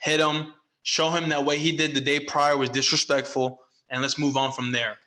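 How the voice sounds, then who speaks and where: A young man co-hosting a podcast, telling a baseball story in casual chat and loudly acting out the quotes. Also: fairly high pitch, moderate pace. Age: young adult. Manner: animated, acts out quotes loudly. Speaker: podcast co-host, former baseball player. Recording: echoey room.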